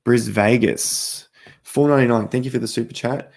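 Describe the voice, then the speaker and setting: A man hosting a casual crypto livestream, talking straight to viewers as he walks through charts, his voice going hoarse with coughs. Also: mid-range voice, moderate pace, a little mellow. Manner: chatty, talks straight to viewers while walking through charts. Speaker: crypto market host.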